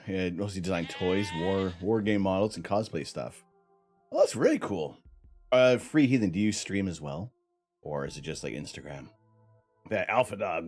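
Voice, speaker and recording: A man hosting a live stream, chatting with viewers and thanking them, laughing and clearing his throat between bites of hot peppers. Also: lowish voice. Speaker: livestream host. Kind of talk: casual live-stream chat.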